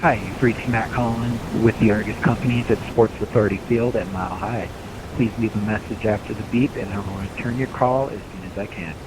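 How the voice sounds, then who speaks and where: A man's recorded voicemail greeting played over the phone, in a flat, businesslike tone asking callers to leave a message. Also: on the low side, brisk. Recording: phone greeting from far off with noise.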